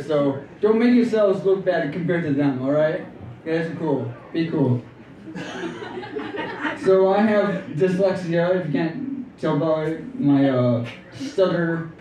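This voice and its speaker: A man doing an open-mic stand-up set on a club stage, talking in a halting, rambling way with many restarts. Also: on the high side. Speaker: stand-up comedian. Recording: distant, echoey club with loud crowd. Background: audience laughter.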